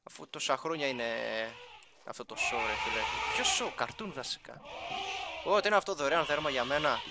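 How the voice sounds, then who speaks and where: A man's voice: a little high, lively intonation, heavy background noise. A young man casually commentating his Minecraft playthrough, chatting and joking with the villagers and animals in the game. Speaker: gaming YouTuber.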